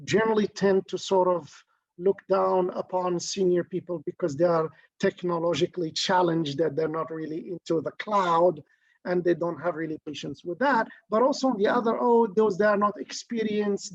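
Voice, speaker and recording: A middle-aged Moroccan man, appearing as an interview guest, reflects philosophically in conversation, often restarting his sentences. His voice sits high with vocal fry, at a moderate pace. The recording is dry, dull, and lo-fi.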